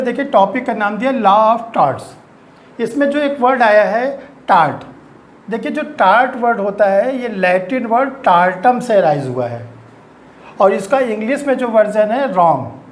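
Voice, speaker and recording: A middle-aged man with an Indian accent giving an exam-focused law lecture, slowly stretching out key terms and mixing in English legal words. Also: sits high, lively intonation. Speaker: law teacher.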